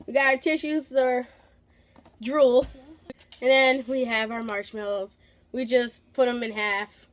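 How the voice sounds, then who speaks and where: A woman's voice: fairly high pitch, flat delivery, a little slow, pauses often. A woman hosting a challenge video with casual, playful chat to the camera.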